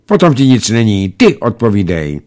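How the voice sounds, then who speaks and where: A man's voice: on the low side, very animated, darkish tone. A man voicing a scrappy, wary young village boy who talks bluntly and suspiciously. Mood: bold, suspicious.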